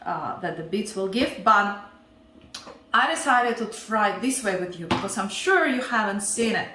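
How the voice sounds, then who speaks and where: A Ukrainian-accented woman runs a relaxed cooking show, talking chattily and frequently addressing her viewers. She has a medium-pitched, fairly bright voice that sounds reverberant and far from the mic, with a bit of hiss or hum.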